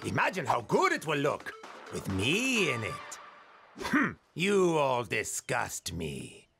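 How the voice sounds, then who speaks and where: A man's voice: medium pitch, huge pitch swings, takes it slowly, creaky, bright, forceful tone, faint music behind, full character voice. A man voicing a vain, flamboyant cartoon soccer star with a pompous, self-admiring manner. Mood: smug. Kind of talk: cartoon voice acting.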